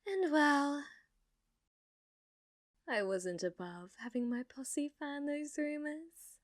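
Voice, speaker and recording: Smug and cruel, she takes it slowly, her high voice animated as she plays a sadistic, haughty young noblewoman in an ASMR roleplay. The theatrical taunting often drops to breathy whispers, recorded in studio quality without room sound.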